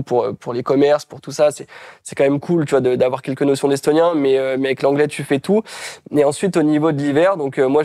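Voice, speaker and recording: A man from France, a guest in a casual interview, talking in a relaxed, chatty way with frequent hesitations. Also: medium pitch.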